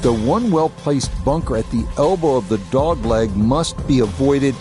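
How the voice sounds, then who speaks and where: A man working as a golf play-by-play commentator, calling putts and setting up each hole in a measured way. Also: medium pitch, expressive, over music.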